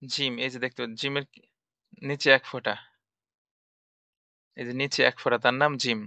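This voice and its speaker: Guy teaching quran letters, bright crisp voice, says each sound over and over. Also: medium pitch, little pitch movement, normal speed, no echo. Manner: patient, repeats sounds drill-style. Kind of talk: Quran reading lesson.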